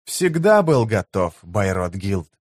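A man's voice: lowish voice, sing-song, slow pace, darkish tone, no echo, studio quality, exaggerated voice. Karsa, a man voicing a fierce young warrior chief. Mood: commanding. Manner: bold, declaiming, commanding.

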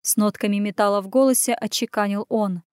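A woman reading a first-person story aloud as audiobook narration, in an even storytelling delivery. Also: mid-range voice, brisk, clean tone, dry recording, studio quality.

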